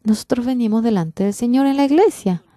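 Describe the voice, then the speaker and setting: A woman interpreting a church sermon, preaching in an earnest, emphatic way with drawn-out stresses. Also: a little high, warm tone, no room sound. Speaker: interpreter for a pastor.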